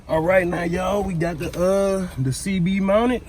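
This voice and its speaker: This American vlogger has a high-pitched, slightly dark voice, keeping a steady tone at a somewhat slow pace as he casually talks through a hands-on DIY car install in slangy, informal language. Clear background noise and vehicle sounds surround him, since he's in or near the car.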